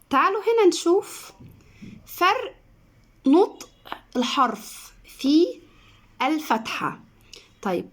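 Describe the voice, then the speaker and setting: A woman with an Egyptian accent teaching letters to children, stretching and repeating each syllable. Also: high-pitched. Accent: Egyptian Arabic. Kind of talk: reading lesson for children.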